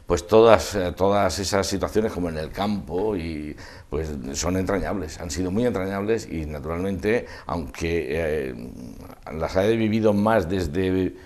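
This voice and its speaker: Older man, very deep voice, reminiscing haltingly. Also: a little mellow. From Spain. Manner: discursive, halting, trailing off mid-thought. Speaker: interview guest, festival proclamation speaker. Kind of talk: reminiscing in a relaxed interview.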